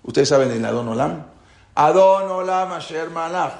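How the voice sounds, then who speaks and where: A man teaching a religious class, talking in an animated way and asking rhetorical questions. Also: on the high side, normal speed. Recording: roomy echo.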